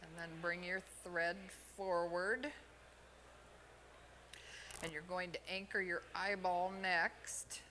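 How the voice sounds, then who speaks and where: A woman from Oregon giving an unhurried step-by-step fly tying demonstration at an expo. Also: on the low side, steady tone, pushed and bright, a little hiss or hum. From Oregon, USA. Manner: unhurried, plain instructional talk with pauses. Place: expo hall.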